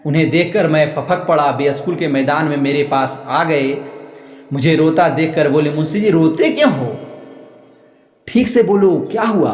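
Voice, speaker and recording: A man's voice: on the high side, darkish tone. A man with a Bihari Hindi accent teaching students a literature chapter, reading passages aloud and then explaining them in simple words. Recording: echoey room with long reverb.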